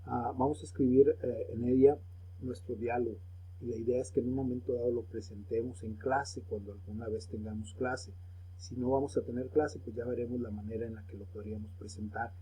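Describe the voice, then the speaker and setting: A man teacher, his voice deeply husky and mellow in tone. He guides a recorded remote lesson patiently, step by step, saying phrases twice so pupils can repeat after him. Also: steady tone, fairly quick, low-quality recording.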